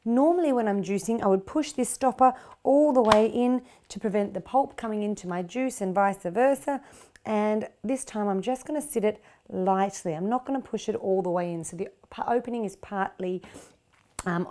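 A woman's voice: medium pitch, a little mellow, slight background noise. A middle-aged Australian woman hosting a cooking show, chatty and upbeat, explaining each step of a kitchen demonstration on a lapel mic. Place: home kitchen studio.

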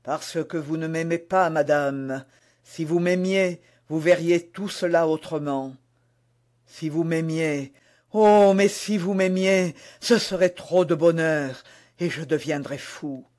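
This slow, slightly high and mellow male voice voices an ardent, pleading young duke, melancholy and passionate in his love, for a historical romance audiobook.

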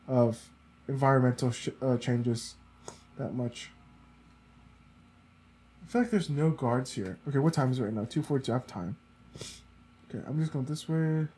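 A let's play gamer with a medium-pitched, dark-toned voice mutters to himself as he plays, offering casual commentary. He sounds sniffly and congested, and the recording is rough.

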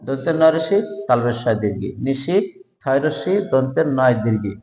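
A man gives a spelling lesson, breaking each word into its letters and repeating it slowly. His voice sits at an ordinary middle pitch. The recording is echoey, with a long reverb hanging after his words. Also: animated, a little mellow. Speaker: spelling teacher. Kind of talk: spelling lesson for job exams.

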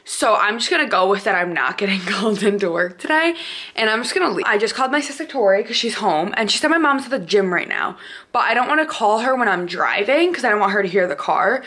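Young adult woman, excitable vlogger, chatty, talking from a car, bright ringing tone. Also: mid-range voice, quick pace, no room sound. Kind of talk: casual vlog talk to camera. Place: inside a car.

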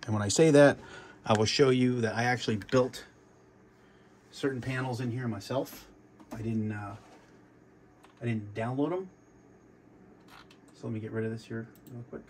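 Giving a loose show-and-tell of the flight sim cockpit in his home, this man rambles, uses many fillers, and keeps restarting sentences. His mid-range, darkish voice moves at a moderate pace with long pauses, and there's slight background noise.

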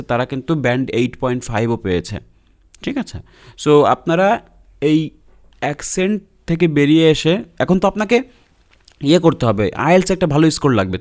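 A man's voice: a little high, a little mellow. A young man with a Bangladeshi accent giving a casual IELTS lesson, blunt and teasing, full of filler sounds and "okay?" checks. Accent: Bangladeshi Bengali. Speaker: IELTS tutor.

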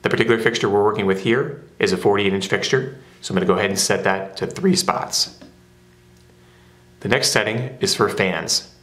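A man's voice: fairly low pitch, brisk, a bit bright. A man narrating a step-by-step product how-to in a plain, methodical way. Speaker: product demonstrator. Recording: roomy echo.

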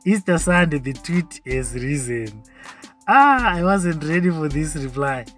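A chatty young man with a Zimbabwean accent, speaking in a slightly high voice and laughing easily. He reads comments aloud in a loose, conversational podcast style, with faint music playing behind him. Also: animated, a little slow, a bit bright. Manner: chatty, laughs often, mixes in Shona phrases. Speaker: podcast host. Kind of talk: casual commentary reading social media comments.

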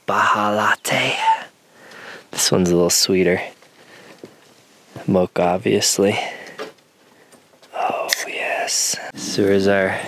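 A man in his thirties narrating a casual camping vlog outdoors, explaining his gear in a relaxed, easygoing way. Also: fairly low pitch. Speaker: camping vlogger. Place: outdoors at a mountain campsite.

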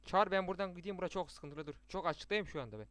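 A young man commentating his mobile shooter match with teammates, chatty, muttering to himself and then bursting out excitedly. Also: high voice, fast talker, a little hiss or hum. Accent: Turkish. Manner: chatty, swings between muttering and excited outbursts. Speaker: gaming streamer. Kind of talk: live gameplay commentary with teammates.

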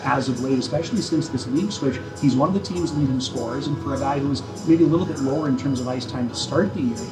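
A man's voice: medium pitch, quick pace, over music, low-quality recording. A man interviewing a hockey player after a game, chatty with long setup questions, on a handheld mic in an indoor ice arena. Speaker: team broadcaster.

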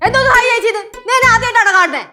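A quarrelsome sitcom character with a very high, bright voice. She scolds and snaps at her family. Soft music plays behind her. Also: racing. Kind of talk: TV sitcom acting.

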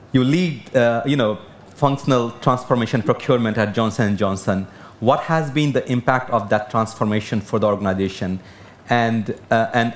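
A man moderating a conference panel, asking questions politely with some hesitation. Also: medium pitch. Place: conference stage, indoors.

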